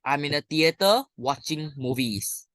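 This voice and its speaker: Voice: medium pitch, expressive, a little slow, fairly bright tone, no room sound. A teacher with a Malaysian or Singaporean English accent, talking informally through lesson exercises and thinking aloud with colloquial particles. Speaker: primary school English teacher.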